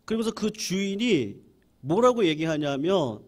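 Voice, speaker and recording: Male pastor telling a sermon story, voice a bit high, swings up and down a lot. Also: measured pace. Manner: lively storytelling, acts out quotes. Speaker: senior pastor.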